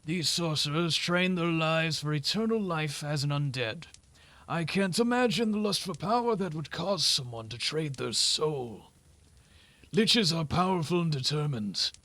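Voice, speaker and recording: A creaky old merchant from a video game, pitched a little high and slightly reedy, voiced by a man reading the lines himself. He sounds close and dry, with no room around him. He peddles his wares in a rambling, scheming way. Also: expressive, measured pace, fairly bright tone, no room sound. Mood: ominous.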